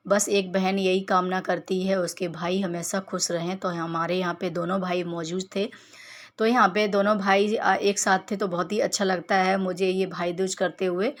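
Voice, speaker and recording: A woman in her thirties from Uttar Pradesh, narrating her family vlog in a chatty, homely way and walking viewers through each clip. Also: on the low side. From Uttar Pradesh, India. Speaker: family vlogger. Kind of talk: casual vlog voice-over narration.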